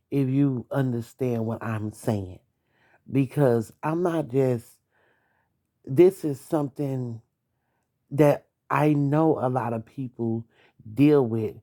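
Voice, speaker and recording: A woman's voice: rumbling low, slow, long pauses, mellow. A young adult woman hosting a late-night podcast, venting bluntly about her ex, swearing and talking straight at him. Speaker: podcast host.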